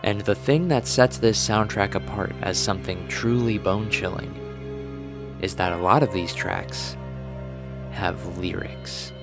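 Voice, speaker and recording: Low-voiced man narrating with mock gravity. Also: unhurried. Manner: mock-grave, deadpan dramatic hyperbole. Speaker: video game reviewer. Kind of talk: scripted video essay narration. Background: music.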